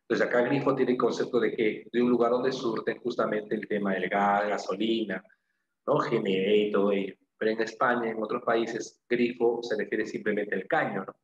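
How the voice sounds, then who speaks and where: A man with a Peruvian accent gives a classroom lecture, explaining patiently step by step and repeating his key points. His voice sits fairly low. The recording sounds roomy and a little dull. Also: flat delivery, moderate pace, slight background noise. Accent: Peruvian Spanish. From Peru. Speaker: language teacher.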